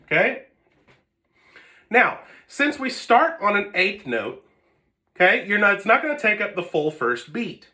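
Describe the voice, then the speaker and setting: A man's voice: sits high, very animated, measured pace, long pauses, sharp tone. A man teaching an online string lesson from home on a phone camera, patient, checking in often. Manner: patient, repeats 'okay?' often. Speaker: music teacher. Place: home, seated with whiteboard.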